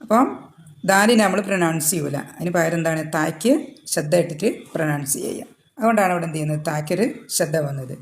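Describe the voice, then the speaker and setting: A woman teaching Quran recitation rules, explaining step by step and chanting the verses slowly. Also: low-pitched. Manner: explains step by step, asks and answers own questions; slow drawn-out chanted recitation. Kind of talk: tajweed lesson.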